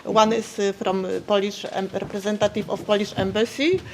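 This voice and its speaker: Woman, mid pitch, halting announcer with lots of fillers, faint noise. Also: flat delivery. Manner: halting, many fillers, laughs lightly. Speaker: organizer welcoming guests. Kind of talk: informal announcement.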